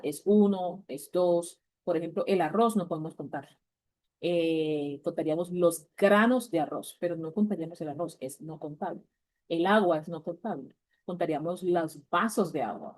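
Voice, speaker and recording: A woman's voice: fairly low pitch, darkish tone. Patient woman teaching English grammar. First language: Spanish. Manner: patient, repeats points, checks in with "vale?". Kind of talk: explaining grammar in class.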